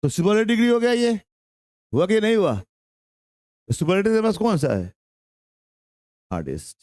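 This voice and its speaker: Man, Bihari Hindi accent, grammar teacher, drawn-out questioning delivery, lively pitch, slightly high voice, dry sound. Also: no echo. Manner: drawn-out, questioning, repeats answers to the class. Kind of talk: classroom grammar lesson.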